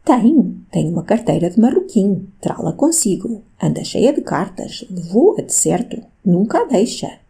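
A woman's voice: medium pitch, sing-song, measured pace, gravelly, hardly any pauses, warm tone, breathy edge, exaggerated voice. A woman voicing a timid male servant in an audiobook, speaking plaintively and apologetically.

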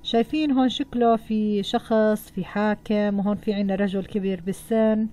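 A woman's voice: mid-range voice, steady tone, fairly quick, warm tone. A woman teacher with a Levantine Arabic accent who talks a class through a lesson, asks pupils questions and reads a story aloud.

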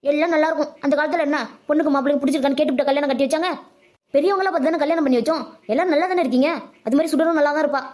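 A woman voicing a scheming old grandmother who is greedy for property in a cartoon, with a bossy, quick-talking manner. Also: sits high, a little mellow, lightly acted. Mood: scolding. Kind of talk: Tamil cartoon voice acting.

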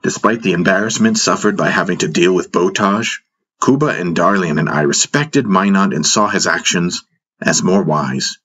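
A man narrating a fantasy audiobook in first person, steady and measured. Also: low voice.

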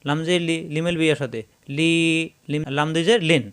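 Male recitation teacher, slightly raised pitch, clean ringing tone, methodical syllable-by-syllable drilling. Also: a bit bright, clear, resonant tone. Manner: spells syllables slowly, then chants the verse drawn out. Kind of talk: spelling-out recitation lesson.

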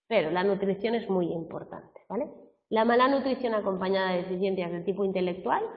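Woman lecturing a class, heard from afar. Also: medium pitch. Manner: chatty, peppers sentences with "¿vale?" tags. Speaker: teacher. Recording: roomy classroom, far from a dull mic.

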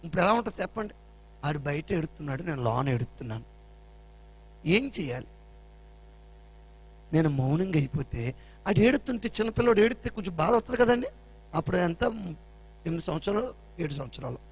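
A male pastor preaching a sermon, telling a family story with animated delivery and acting out the voices. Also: a little high, a little fast, long pauses, slightly rough.

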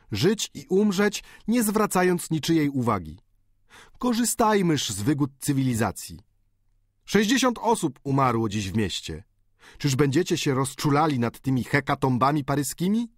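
A man's voice: on the high side, dry recording, studio quality, pitched above the performer's own voice. A male audiobook reader voicing a cynical, impatient tutor who lectures sardonically. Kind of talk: audiobook character reading.

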